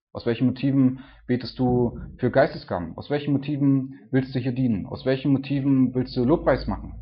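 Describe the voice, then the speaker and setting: A man preaching an informal sermon in a conversational way, often ending phrases with a questioning tag and reading scripture aloud more loudly and slowly. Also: medium pitch. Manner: chatty, keeps adding "ne?"; reads scripture aloud louder and slower. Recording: dull lo-fi sound.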